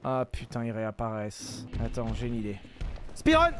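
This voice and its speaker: A man commentating his own video game live, joking, swearing and talking to his chat in an excitable way. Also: mid-range voice, a little fast, background noise. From France. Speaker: streamer playing a video game.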